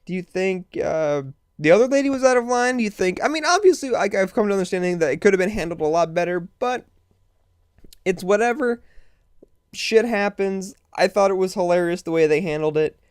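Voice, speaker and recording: A blunt online commentator giving casual opinions in a mid-pitched voice. The sound is dry, and the delivery is profane and conversational, with animated asides. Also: fairly quick, clean tone, dry recording.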